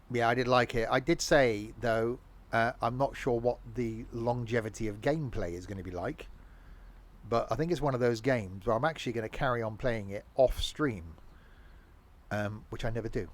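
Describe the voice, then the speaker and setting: A man chatting casually while livestreaming a train simulator, with dry, self-mocking sarcastic asides. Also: medium pitch. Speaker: streamer. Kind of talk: live game stream commentary.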